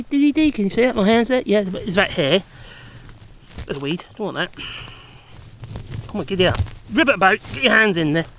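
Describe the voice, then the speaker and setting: A woman's voice: on the high side, a little hiss or hum. A chatty woman in her garden, joking around and talking to her dog while showing how she trims her plants. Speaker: gardening vlogger. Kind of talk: casual gardening walkthrough. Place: outdoors in a garden.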